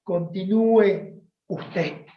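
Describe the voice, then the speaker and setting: A man with an Argentine accent voicing a strict, prim woman schoolteacher who gives clipped, drawn-out orders. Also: high voice, reverberant, lo-fi sound. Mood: stern. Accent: Argentine Spanish.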